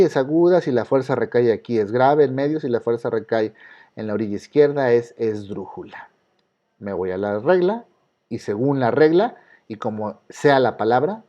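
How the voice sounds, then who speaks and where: A man's voice: medium pitch, warm tone, lo-fi sound. A man with a Mexican Spanish accent teaching an online class, patiently explaining step by step and asking his students questions. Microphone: video call.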